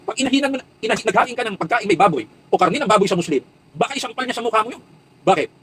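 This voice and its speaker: A man's voice: high-pitched, husky, poor audio. A man delivering an impassioned commentary monologue, preaching with rhetorical questions and repeated emphatic lists.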